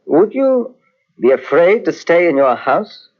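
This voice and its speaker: An actor playing a courteous, dogged police inspector in an old radio mystery, clipped and probing. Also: male voice, on the high side, big pitch swings, measured pace. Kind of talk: 1950s radio drama acting. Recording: dull old radio transcription.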